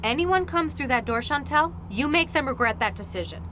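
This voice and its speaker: A woman's voice: high-pitched, lively intonation, fairly quick, noisy background. A woman playing a commanding, no-nonsense police agent in a sci-fi video game, speaking in a terse, authoritative way.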